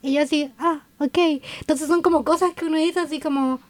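A woman from Chile with a Chilean accent, hosting a podcast with chatty, animated talk. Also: sits high, a little fast, no echo. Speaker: podcast host. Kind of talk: casual interview chat.

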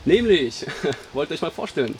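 A man's voice: fairly high pitch, big pitch swings, moderate pace, darkish tone, a little hiss or hum. Young German man hosting a radio show. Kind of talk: scripted radio presenting.

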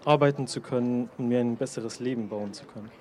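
A man interpreting consecutively on a panel, steady and with frequent fillers. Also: medium pitch, quick pace, a little hiss or hum.

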